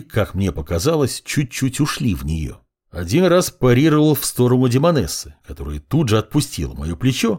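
A man narrating a first-person fantasy audiobook in an ironic, expressive way. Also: medium pitch, husky.

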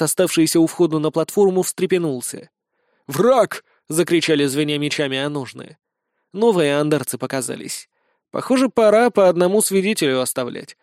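A man reading a first-person fantasy audiobook in a measured storytelling manner. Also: on the high side, a little mellow, dry recording, clean studio sound. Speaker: audiobook reader.

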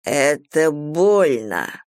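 A haughty male god from a fantasy audiobook, as a woman reads him, lowering the voice into slow, deliberate, scornful lines. The delivery is close and dry, with no room around it. He teases rather than shouts. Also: no room sound. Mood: stern. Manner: slow, low, mocking. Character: stern, teasing, arrogant male god. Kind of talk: audiobook character voice.

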